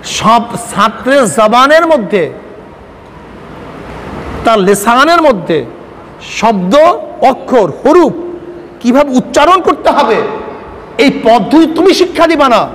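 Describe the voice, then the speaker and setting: A man preaching a forceful, scolding sermon in a very high-pitched voice. He acts out the voices he quotes and mocks his opponents. His voice rings through a hall with a long reverb and faint noise behind it. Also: big pitch swings, slow pace, long pauses.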